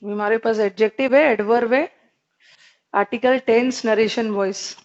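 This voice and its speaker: Indian woman, English teacher, slow deliberate delivery, muffled lo-fi sound, quizzes the class in Hindi and English. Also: on the high side, fairly even intonation, a little mellow. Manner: explains in Hindi mixed with English, questions students. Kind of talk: live online grammar class.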